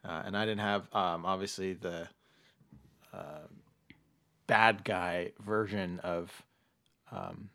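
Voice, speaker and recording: Low-voiced man, halting podcast host. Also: steady tone, bright, forceful tone. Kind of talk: casual podcast chat.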